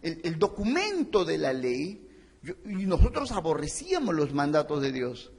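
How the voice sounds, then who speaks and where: A pastor preaching earnestly, his voice high and swinging with great animation. A husky edge sits on his tone, and the church hall adds a long reverb. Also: wildly swooping pitch, moderate pace, a little mellow. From Peru. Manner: earnest, addresses listeners as brothers, acts out stories. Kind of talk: sermon.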